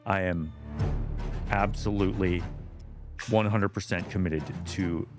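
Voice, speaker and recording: Guy in his middle years, kinda low, talks fast and loose with lots of um and like, faint music underneath. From United States. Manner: animated storyteller, many fillers and restarts. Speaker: podcast host and men's health clinician. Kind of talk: casual monologue.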